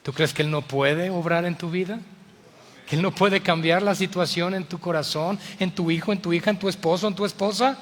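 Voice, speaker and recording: A male pastor with a Mexican accent preaches an impassioned sermon, moving between loud appeals and hushed words. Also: sits high, fairly even intonation, a little fast, long reverb tail.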